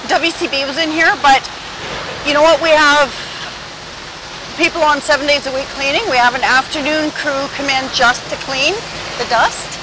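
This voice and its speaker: A woman's voice: high-pitched, steady tone, moderate pace. A woman who works at a sawmill, casually explaining the machines while walking a tour. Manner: casual, explanatory, uses "right?" often. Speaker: mill employee giving a tour. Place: loud sawmill floor and yard, indoors and outdoors. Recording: loud machinery noise behind.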